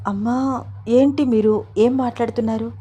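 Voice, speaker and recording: A woman's voice: fairly high pitch, steady tone, normal speed, mellow, slightly rough. Woman reading as a confused earnest young man. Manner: pleading, puzzled.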